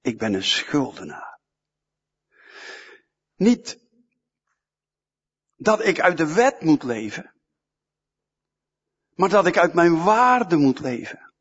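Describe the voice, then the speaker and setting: A man's voice: fairly high pitch, sing-song, slow, pauses often, a bit bright, breathy edge. A man preaching a sermon, emphatic and fond of repeating short phrases, in a church hall, with a dull, echoey sound.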